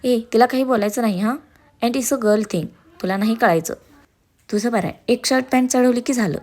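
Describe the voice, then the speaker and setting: Brief: woman voicing a young bride, calm, self-assured, teasing her fiancé. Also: on the high side, moderate pace, lightly acted. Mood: playful. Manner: calm, playfully firm.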